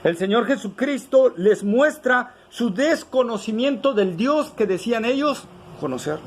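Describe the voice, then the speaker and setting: A man with a high voice preaches a sermon to his congregation. He keeps checking in with rhetorical tag questions. Faint noise sits behind him. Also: expressive, a little slow, low-quality recording. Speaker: pastor.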